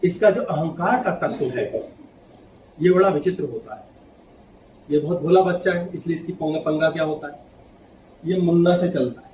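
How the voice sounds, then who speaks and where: A man giving a spiritual talk to a live audience, animated and acting out quoted voices with sudden swings between loud and hushed delivery. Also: a little high, normal speed, pauses often, distant mic, a little hiss or hum. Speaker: spiritual speaker. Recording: echoey room, voice from off-mic.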